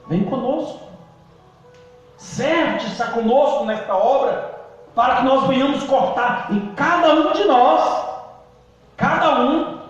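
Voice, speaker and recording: A male pastor preaching a sermon, calling out to the congregation and swinging between loud emphasis and quiet low lines. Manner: preaching with call-and-response, emphatic swings in pitch and volume. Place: church hall. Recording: distant echoey church hall recording, dull.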